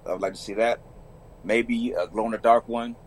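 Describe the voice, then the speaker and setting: A man's voice: mid-range voice, steady tone, normal speed, slight background noise. A man, a podcast guest talking in a laid-back, colloquial way. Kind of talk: casual chat.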